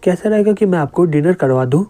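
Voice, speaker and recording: A scheming young woman who sweet-talks and then snaps, as a man voices her. The voice stays a little high and soft in tone. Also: animated, brisk. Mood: pleading.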